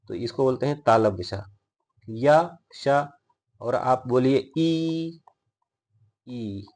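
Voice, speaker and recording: A man teaching a grammar lesson, explaining where sounds are made in the mouth and sounding out each syllable slowly, often checking in with the class. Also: mid-range voice, a little mellow. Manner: explanatory, checks in with "theek hai".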